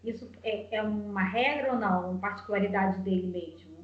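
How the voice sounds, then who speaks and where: A woman, a mother and interview guest, answering in a lively, anecdotal way. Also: medium pitch, fairly quick, echoey room, recorded from a distance, muffled recording.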